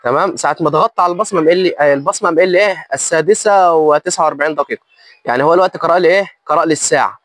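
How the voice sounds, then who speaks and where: Very fast-talking Egyptian man. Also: on the high side, fairly bright tone, no echo. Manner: asks and answers his own questions. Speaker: vlogger demonstrating his phone. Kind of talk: casual tutorial.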